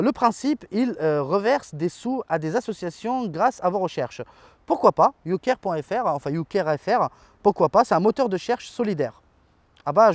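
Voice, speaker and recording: A man's voice: sits high, no room sound. A man, chatting casually as a tech video host reading viewer comments, loose and informal with frequent fillers and slang. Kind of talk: casual chat.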